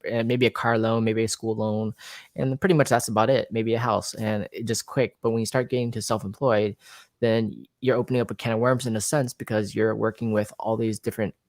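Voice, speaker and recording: In a dry, studio-quality recording, a podcast host talks casually about mortgages. His lowish voice moves little in pitch and runs fairly quick, spilling into long, loose sentences full of restarts.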